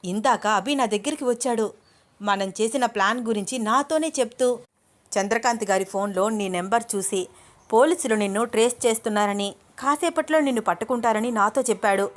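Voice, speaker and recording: A woman voicing a jealous, hot-tempered young woman who scolds and shouts in a raised voice. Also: a little high, moderate pace, voice pushed up, natural voice. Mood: angry.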